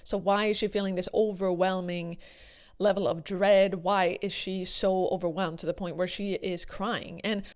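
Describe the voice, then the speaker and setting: A woman speaks in an average-pitched voice, giving casual opinion commentary straight to her viewers. Her manner is earnest and emphatic, and she stresses points by repeating words. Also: fairly even intonation, moderate pace, a little mellow. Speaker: video commentator.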